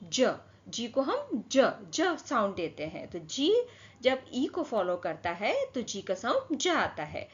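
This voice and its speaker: A slightly high-voiced woman teaches children phonics, her pitch rising and falling a lot. She goes slowly, drawing out each example word and asking questions. The lo-fi recording sounds a bit muffled. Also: very animated. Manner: slow, drawn-out word modelling with repeated questions. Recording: dull lo-fi sound.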